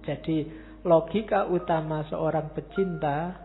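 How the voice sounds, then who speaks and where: A man's voice: fairly high pitch, fairly even intonation, measured pace. A man giving a casual philosophy lecture, chatting with his audience and asking rhetorical questions. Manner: conversational, asks the audience rhetorical questions, homely examples. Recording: tinny lo-fi recording with faint music behind.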